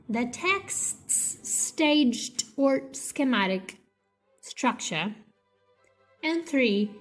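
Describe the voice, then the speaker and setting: A woman with a slightly high, gravelly voice reads an academic textbook aloud as scripted narration. Her phrasing is measured and deliberate, delivered in short segments.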